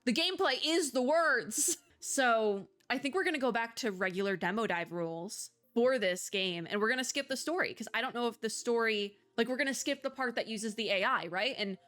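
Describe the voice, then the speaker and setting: A woman streaming a game demo offers casual, opinionated commentary, rambling through exasperated asides as she plays and hosts. Her fairly high voice has lively intonation and a fairly bright tone, delivered quickly with hardly any pauses.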